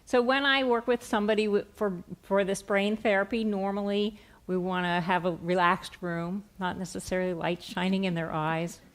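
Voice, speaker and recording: A middle-aged woman gently and softly explaining a hands-on therapy demonstration step by step on stage. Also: mid-range voice, steady tone, normal speed, hardly any pauses. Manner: gentle, soft-spoken. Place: on a stage in a theatre, indoors.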